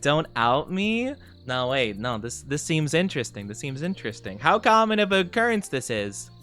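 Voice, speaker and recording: A male game streamer chats casually with his viewers over soft music. His pitch swings freely up and down as he gushes thanks and greetings. He is bubbly and cutesy, often cooing. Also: very animated, normal speed. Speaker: VTuber streamer host. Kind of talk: casual livestream chat while playing a game.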